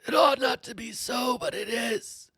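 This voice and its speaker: A woman's voice: a little high, measured pace, fairly bright tone, slightly rough, no room sound, full character voice. A woman voicing the suffering old man Job, tearful and pleading, dramatically reading his lament with whispers and cries. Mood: anguished. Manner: anguished pleading, dramatic swings.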